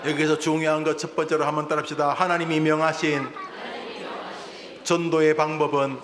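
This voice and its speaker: Pitched fairly high, a man preaches as senior pastor in a church sanctuary, prompting the congregation to respond and repeat phrases back. The reverberant hall recording has a noisy background.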